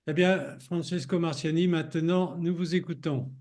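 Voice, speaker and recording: A man's voice: on the high side, fairly even intonation, normal speed, a little mellow. A man chairing a talk, informally thanking and handing over between speakers. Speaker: session chair. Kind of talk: informal moderating.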